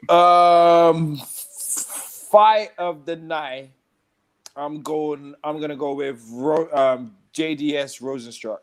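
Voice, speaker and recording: Male co-host, bantering and unhurried, a touch high-pitched. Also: clear, resonant tone. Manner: bantering, hesitant with many fillers and repeats. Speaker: podcast co-host. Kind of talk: casual chat.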